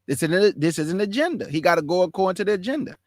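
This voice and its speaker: A man's voice: high-pitched, animated, rapid-fire, no echo, clean studio sound. A man from Houston gives impassioned reaction commentary, emphatic and repetitive, calling his listeners family. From Houston, Texas, USA. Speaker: commentator reacting to a sermon clip.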